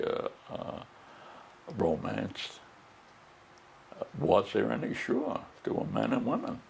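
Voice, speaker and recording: An elderly American man, a war veteran remembering his past in halting, emotional testimony and acting out remembered dialogue. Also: fairly low pitch, gravelly, a little mellow, a little hiss or hum. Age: older, over 70. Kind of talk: oral history testimony, recollection.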